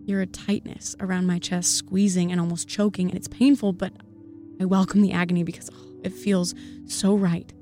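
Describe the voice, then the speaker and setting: A woman giving an earnest spoken-word poetry reading in a soft, intimate voice. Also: fairly low pitch, flat delivery, moderate pace. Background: faint background music.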